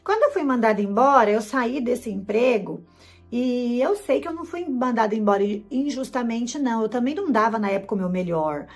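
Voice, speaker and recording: A Brazilian woman with a Brazilian Portuguese accent, middle-aged, her voice pitched a little high, tells her faith story with feeling and slips into her own past words as she goes. Soft music plays faintly behind her. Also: expressive, brisk. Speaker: host giving a personal testimony. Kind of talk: emotional personal testimony.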